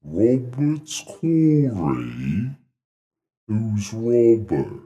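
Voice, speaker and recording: A man's voice: lowish voice, big pitch swings, very slow, dark tone, highs cut off, full character voice. A man voicing a wary, lonely talking ship that keeps calling people mate, in a tabletop game. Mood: gruff. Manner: drawling, keeps saying mate and right.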